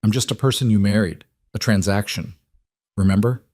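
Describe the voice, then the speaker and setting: A man's voice: on the low side, moderate pace, a little mellow, no echo, clean studio sound, lightly acted. A man voicing a frightened young female graduate student, pleading and shaken.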